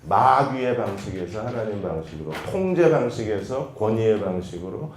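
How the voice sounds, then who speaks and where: Pastor in an echoey church hall. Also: male voice, on the low side, normal speed, slight background noise. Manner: lively storytelling, acting out dialogue. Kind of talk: church lecture.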